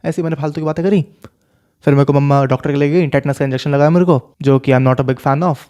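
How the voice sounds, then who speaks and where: A young man casually telling a story from his school days, animated, mixing in English phrases. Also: fairly high pitch, fast. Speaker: storyteller vlogger.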